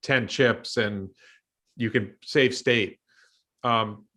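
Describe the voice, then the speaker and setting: A man's voice: medium pitch, fairly even intonation, extremely slow, bright, forceful tone. An American man in his fifties, hosting a casual discussion and thinking aloud with many ums and restarts. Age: 50s. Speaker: show host and investor.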